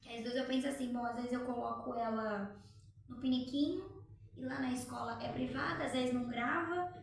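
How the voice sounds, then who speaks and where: In a room at home, a mother tells a story to her viewers in casual chat, repeatedly inviting them to react. Her high-pitched voice is brisk and fairly even, with vocal fry, and the off-mic recording comes from a very echoey space with a little background noise.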